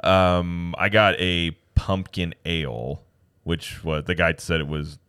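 A man's voice: low voice, steady tone, takes it slowly, a bit bright, clean tone, dry recording, clean studio sound. A man co-hosting a podcast, chatting casually and telling a long story that wanders, acting out what people said. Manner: rambling storyteller, acts out quotes. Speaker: podcast co-host. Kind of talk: casual chat.

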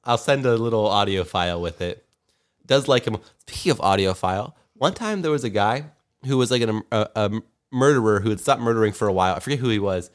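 A man with a fairly low voice hosts a casual comedy podcast. He rambles conversationally and jokes in a mock-serious way. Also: expressive, fairly quick. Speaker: podcast host.

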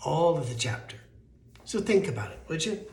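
Thin, weak-voiced American man preaching, higher-pitched. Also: very animated, normal speed, a little mellow, slight background noise. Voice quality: thin, weakened voice. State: voice weak from allergies. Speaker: pastor. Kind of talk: conversational sermon with storytelling and scripture reading. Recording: roomy, echoing sound.

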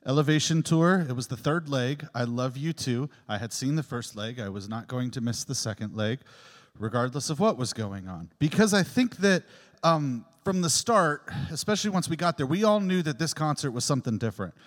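A man's voice: medium pitch, lively intonation, normal speed, few pauses. A man giving a reflective, personal homily in an earnest storytelling way, his voice ringing with a long cathedral echo in a large church. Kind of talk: reflective sermon.

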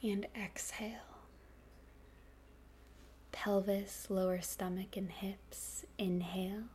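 A woman leading a guided meditation in a soft, breathy, calming near-whisper. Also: mid-range voice, slow pace, a little hiss or hum. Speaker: meditation instructor.

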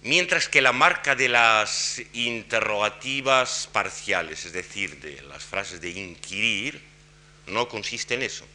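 A man giving an academic lecture on grammar and intonation, explaining in a measured way with frequent pauses. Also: on the low side, animated, bright, forceful tone. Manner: demonstrates intonation patterns by voicing example questions.

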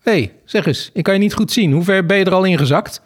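A man's voice: fairly high pitch, expressive, moderate pace, voice pushed up. A man voicing a coarse, mocking adventurer from a children's book, reading aloud in a slightly raised voice. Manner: teasing, coarse. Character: blunt, mocking tall male adventurer.

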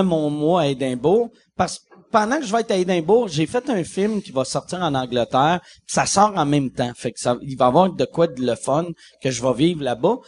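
Casting: husky, higher-pitched man, Quebec French accent, forties, podcast host, quick profane storytelling. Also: a little mellow. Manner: rapid, profane storytelling with frequent laughs. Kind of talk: casual chat before a live audience.

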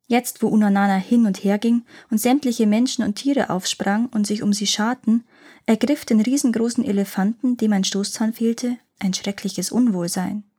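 A woman reading a fairy tale aloud as a podcast storyteller, lively and expressive. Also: mid-range voice, moderate pace.

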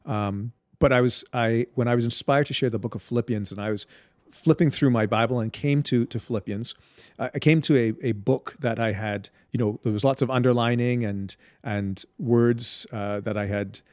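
A man from Barbados speaks in a reflective, halting way, restarting his sentences often. His voice sits at an average pitch and is recorded dry and close, with no room sound. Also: darkish tone, dry recording. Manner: halting, many restarts and fillers. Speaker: guest, Bible storyteller. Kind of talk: reflective interview talk.

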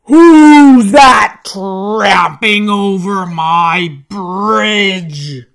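A mean, ugly troll from a storybook, roaring every threat, as a woman storyteller puts him on. He drags out each word at a very slow, heavy pace, loud and menacing. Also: medium pitch, gravelly. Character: mean ugly male troll under a bridge.

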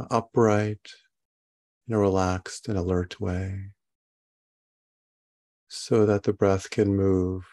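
Slow, creaky-voiced man guiding meditation. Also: sits low, dark tone. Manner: halting, unhurried instruction with long pauses. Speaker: meditation guide. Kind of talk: guided body scan meditation.

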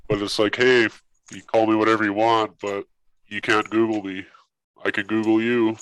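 A man's voice: on the low side, flat delivery, normal speed, a bit bright, clear, resonant tone, no echo, poor audio. A man talking through a voice changer that disguises his voice, a guest investigator in casual interview chat, blunt and swearing freely.

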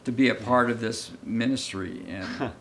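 A man's voice: mid-range voice, moderate pace, a bit bright, slight background noise. Earnest man speaking eagerly at home. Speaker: homeowner and guest. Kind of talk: casual interview.

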